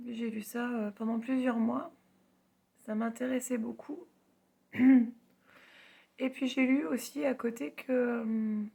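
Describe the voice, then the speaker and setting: Casting: woman vlogger, fairly high but mellow voice, congested and hoarse as if it is giving out, halting, modest storytelling. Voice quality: hoarse, worn voice with little power; nasal, congested. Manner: halting, self-deprecating. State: has a heavy cold, voice giving out. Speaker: spiritual medium vlogger. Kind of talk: casual personal storytelling to followers.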